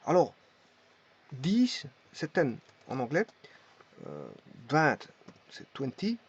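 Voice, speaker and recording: In a halting language lesson, a male teacher repeats each word as he demonstrates pronunciation, often pausing. His somewhat high voice swoops wildly in pitch and has a breathy edge. The recording sounds dull and lo-fi.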